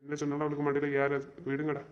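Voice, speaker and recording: A young man acting as a stubborn, wounded young lover, who rattles off insistent, exasperated complaints at a brisk pace. His voice sits a bit high for a man. The amateur web-drama recording sounds dull and lo-fi. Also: monotone, a little hiss or hum, natural voice. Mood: frustrated. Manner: insistent, exasperated, repeats himself.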